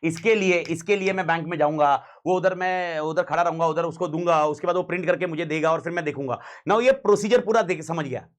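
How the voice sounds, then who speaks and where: A man's voice: fairly high pitch, brisk, hardly any pauses. A man teaching a class in a casual, slangy way, repeating key points and mixing in English phrases.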